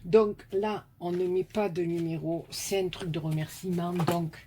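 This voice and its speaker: A woman's voice: fairly low pitch, steady tone, a little slow, dark tone, slight background noise. A woman with a southern French accent, chatting casually and affectionately to viewers as she opens mail from her crafting followers. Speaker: craft YouTuber opening mail.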